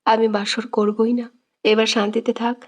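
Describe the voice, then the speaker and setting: An irritable young man who snaps back through gritted teeth, as a woman narrating the story voices him. The voice sits a little high. It is a storybook romance drama. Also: flat delivery, a little slow, muffled recording. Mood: annoyed. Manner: snapping, gritted-teeth retorts.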